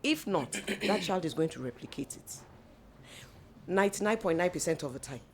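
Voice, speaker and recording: A woman's voice: on the low side, expressive, moderate pace, a little hiss or hum. A middle-aged woman, giving earnest faith-based advice in a church talk. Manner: earnest, exhorting, mixes in local slang. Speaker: co-host, church mother.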